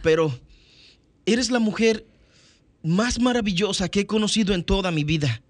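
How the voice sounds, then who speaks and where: A man's voice: sits high, normal speed, voice pushed up. A man voicing an earnest young male romantic lead in a tender, heartfelt film dub delivery.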